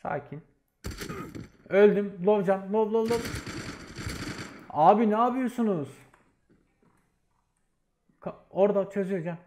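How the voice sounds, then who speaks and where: A man leading his team, shouting quick commanding callouts during a match. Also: sits high. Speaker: team leader and streamer. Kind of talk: live game commentary and callouts.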